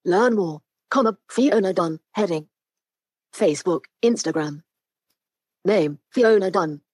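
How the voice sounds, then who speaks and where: A woman's voice: lowish voice, slow pace, darkish tone, breathy edge, dry recording, studio quality. Synthetic female screen reader over a Bluetooth speaker. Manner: reads out screen labels and buttons. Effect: synthetic speech played through a Bluetooth speaker.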